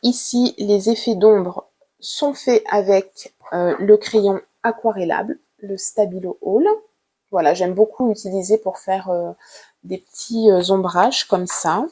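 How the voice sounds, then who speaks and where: A woman casually showing her drawing supplies in a vlog, talking gently and hesitantly with many fillers. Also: medium pitch, steady tone, husky. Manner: hesitant, with frequent "euh" fillers; unhurried and gentle. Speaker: art vlogger. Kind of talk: casual show-and-tell about drawing supplies.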